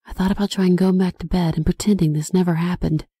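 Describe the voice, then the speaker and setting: Mellow woman reading a horror audiobook. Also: lowish voice, fast, breathy edge, dry recording. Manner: dramatic expressive reading. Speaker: author reading her own novel. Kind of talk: scripted audiobook narration.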